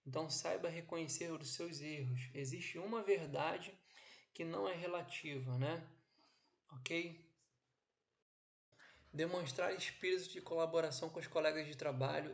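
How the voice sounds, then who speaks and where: A man's voice: a little high, vocal fry. A man teaching an online course from his home office, with a didactic delivery that keeps checking in with "ok?" and "né?". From Brazil. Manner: didactic, drawn-out phrasing with frequent "ok?" and "né?". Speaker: instructor. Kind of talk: online lecture. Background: background noise.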